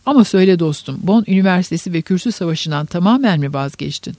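A man's voice: high voice, animated, quick pace, darkish tone, no room sound. A man voicing a male mentor who earnestly warns his younger friend.

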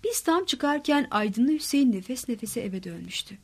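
A woman reading literary prose aloud in a soft, hushed narration that drops close to a whisper at times. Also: fairly high pitch, animated, unhurried, husky.

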